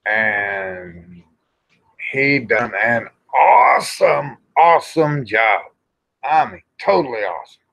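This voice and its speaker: This middle-aged livestream host has a medium-pitched, fairly bright voice that is creaky, slow and sing-song. He chats casually in a folksy, rambling, salty-tongued manner over dull lo-fi livestream audio.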